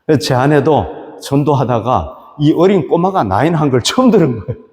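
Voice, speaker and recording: A man's voice: a little high, expressive, normal speed, a little mellow, long reverb tail. A male pastor preaching a sermon, asking rhetorical questions and rising for emphasis. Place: church hall.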